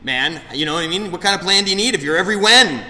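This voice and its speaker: A man in his late thirties shares candidly and self-deprecatingly with an audience at a recovery meeting, rambling and restarting often. His voice sits high, with lively intonation and a fast pace. The roomy hall carries faint background noise.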